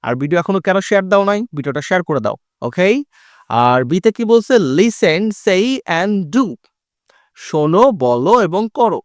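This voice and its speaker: High-voiced Bangladeshi male English teacher. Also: animated, dry recording, studio quality. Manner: explains each rhyme line in slow English, then translates. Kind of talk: online class lesson.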